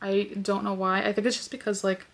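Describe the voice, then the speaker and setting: This young lifestyle vlogger, stuffed up and sniffly, talks casually in her bedroom, filling her rambling with fillers. Her medium-pitched voice is brisk, creaky, and a bit bright, with fairly even intonation and slight background noise.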